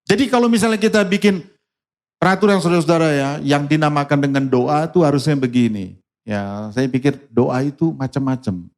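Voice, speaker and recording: A male pastor preaching a lively sermon at a church service, asking the congregation questions and acting out the people in his stories. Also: mid-range voice.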